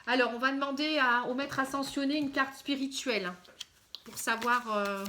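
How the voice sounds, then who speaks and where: A woman giving a casual tarot reading to camera, halting, with many fillers and a frequent "hein". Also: high voice, fairly even intonation, noisy background. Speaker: tarot card reader.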